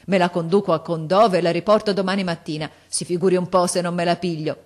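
A woman's voice: on the low side, fairly even intonation, fast talker, darkish tone, lightly acted. A woman reading a storybook aloud and voicing a poor, emotional working-class father who gardens for a living, effusive and exclamatory. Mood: effusive, grateful.

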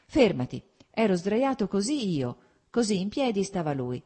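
A woman's voice: mid-range voice, big pitch swings, moderate pace, dark tone, breathy edge, pitched above the performer's own voice. A woman voicing a scruffy, hungover young officer who jokes and teases in a mock-solemn way. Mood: playful teasing.

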